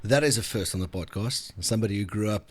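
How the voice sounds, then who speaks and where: A man in his forties hosting a podcast, asking questions in a relaxed, friendly way. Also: fairly low pitch, quick pace. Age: 40s. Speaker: podcast host. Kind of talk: casual podcast interview.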